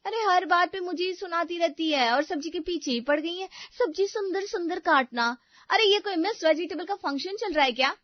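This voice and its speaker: A woman's voice: very high voice, normal speed, no room sound. A woman voicing an indignant, overworked young wife. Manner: indignant, complaining and sarcastic. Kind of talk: animated family story voice acting. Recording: dry, slightly dull studio recording.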